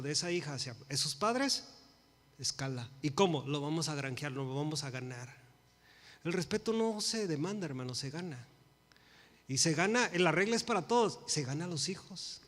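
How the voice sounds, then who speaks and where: A man in his forties preaches in a fairly high voice, rising to loud emphasis and falling to hushed pleas. He drops English phrases into his Spanish. His voice rings with the long reverb of a church hall. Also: lively intonation, moderate pace. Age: 40s. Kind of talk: sermon. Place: church sanctuary.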